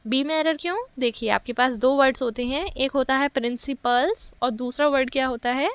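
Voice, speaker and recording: This is a woman teaching English grammar for a competitive exam. Her voice is high, and the recording is close and dry, with no room sound. She reads each test sentence slowly and then quizzes her listeners with rhetorical questions. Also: clear, resonant tone, dry recording. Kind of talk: exam-prep lesson.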